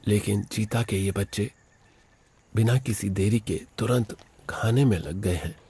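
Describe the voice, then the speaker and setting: A man narrating a wildlife documentary in a dubbed voice-over, excitedly commenting on animals as they chase and fight. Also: lowish voice, unhurried, breathy edge. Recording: with loud background music.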